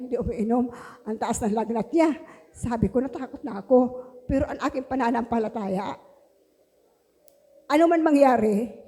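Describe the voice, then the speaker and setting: Woman, church testimony, fervent and praise-filled; somewhat high, mellow voice, long hall reverb. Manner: fervent, breaks into praise exclamations. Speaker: church member giving testimony. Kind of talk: religious testimony.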